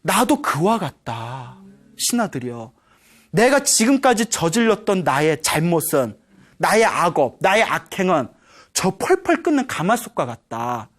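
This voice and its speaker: A woman voicing a wise, remorseful ancient king in a Buddhist sermon story, speaking slowly and gravely. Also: fairly low pitch, very animated. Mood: solemn. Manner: slow, grave, measured.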